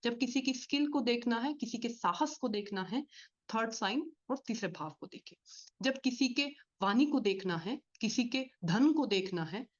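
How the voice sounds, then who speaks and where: A woman teaching an astrology class in a fast, explanatory lecture style, often asking and answering her own questions. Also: fairly high pitch, lively intonation. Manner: fast-talking, explains with repeated rhetorical questions. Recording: slightly dull lo-fi audio.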